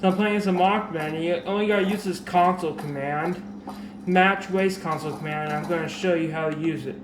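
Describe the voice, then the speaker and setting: A gaming video creator talks through a game tutorial at a brisk pace, his slightly raised voice a little raspy from a dry, sore throat. He rambles and restarts, filling gaps with ums and alrights. His camera mic picks up an echoey room and steady background noise.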